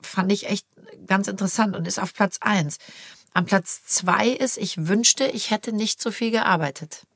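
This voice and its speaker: A woman's voice: medium pitch, a little slow, a bit bright, no room sound. Middle-aged woman, podcast co-host, casual chatty storyteller, dry close mic. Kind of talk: casual chat.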